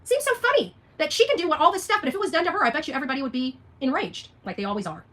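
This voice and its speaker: Racing through an unscripted livestream rant, a woman with a high-pitched, slightly bright voice sounds very animated as she argues with viewers. Responding to their comments, she is combative and emphatic, repeating phrases and firing off rhetorical questions.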